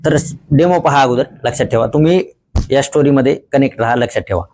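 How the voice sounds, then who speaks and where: A man teaching students a memory trick, lively and repeating key words for emphasis. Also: medium pitch, fast, slight background noise. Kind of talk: explaining a memory technique to students.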